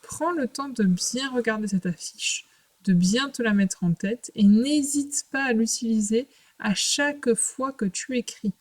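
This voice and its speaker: Patient woman teaching young children. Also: on the high side. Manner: patient, clear, speaks to a young child, with pauses between short phrases. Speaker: primary school teacher. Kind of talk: recorded remote lesson for young children.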